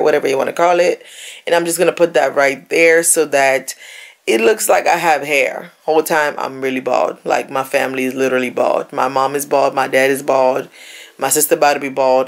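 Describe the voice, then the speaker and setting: Chatty young woman with vocal fry. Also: rumbling low. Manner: chatty, joking asides to viewers. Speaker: beauty vlogger. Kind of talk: casual tutorial voiceover. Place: recorded apart from the pictured scene.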